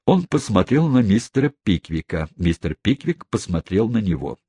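A man reads a comic classic novel with expressive storytelling, his pitch swinging widely. His voice is low and husky, and it is recorded dry and close. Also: moderate pace, no room sound. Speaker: audiobook narrator. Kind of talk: scripted narration.

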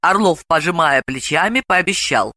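A woman narrating an audiobook in a lively, expressive way. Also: low-pitched, moderate pace, no echo.

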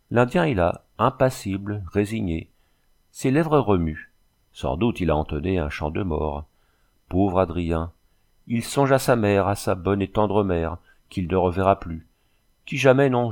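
A man narrating a classic novel aloud in a dramatic, measured storytelling manner. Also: on the low side, a little mellow. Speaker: audiobook narrator. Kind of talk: expressive literary narration.

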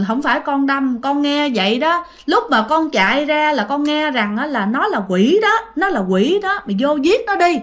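A woman's voice: high-pitched, a bit bright. A woman with a Southern Vietnamese accent voicing a frightened, tearful young schoolgirl in a spoken ghost story.

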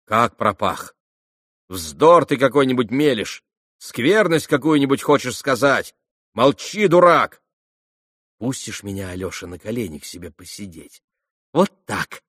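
A man reading an audiobook, voicing an excitable, teasing young woman who chatters playfully. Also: sits low, moderate pace, husky, no echo, studio quality, exaggerated voice. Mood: coaxing. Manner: chattering, playful, mock-scolding. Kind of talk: audiobook character voice.

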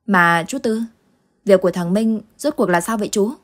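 A woman's voice: medium pitch, normal speed, close to an everyday voice. A woman voicing a polite, curious young man who questions his uncle in an audio ghost story. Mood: puzzled.

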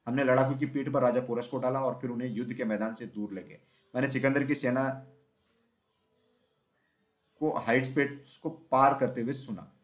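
A man narrating a children's storybook in a steady, even reading voice. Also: mid-range voice, brisk.

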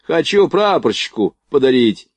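A man voicing a big, bold, swaggering army lieutenant who barks gruff commands, in a high and loud voice. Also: sing-song, measured pace, no room sound. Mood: teasing, blunt.

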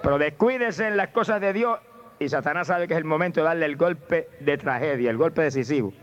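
Fervent high-voiced preacher, lo-fi tape. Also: male voice, brisk, a bit bright. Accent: Puerto Rican Spanish. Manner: fervent, swings from low asides to high exclamations of praise. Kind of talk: sermon. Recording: dull lo-fi tape with faint noise.

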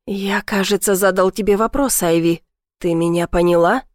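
A woman voicing a possessive, domineering young man who speaks in a low growl. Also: fairly even intonation, moderate pace, no room sound, clean studio sound, lightly acted. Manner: low growling, hissing delivery.

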